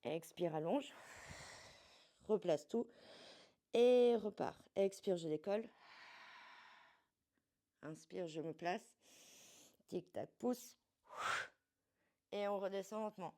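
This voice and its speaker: Mellow-voiced woman coaching a workout. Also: mid-range voice, takes it slowly, long pauses. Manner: calm step-by-step cueing with breath counts. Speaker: fitness coach. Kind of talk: guided workout instruction.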